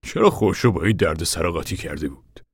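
A man's voice: deep voice, animated, husky, dry recording, clean studio sound, heavily acted. An actor playing the worried father of a poor family, asking plain questions.

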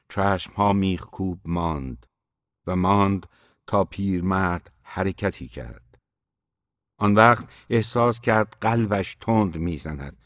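A man narrates a literary story in a measured, steady audiobook reading. His voice is deep and low. The recording is dry and close to the mic. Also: no room sound.

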